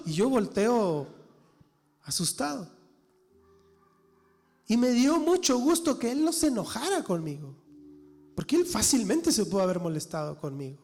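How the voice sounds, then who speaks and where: A man's voice: sits high, a little mellow. A man, a pastor, preaching a sermon with rhetorical questions and dramatic quoted voices. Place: church hall. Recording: church hall reverb.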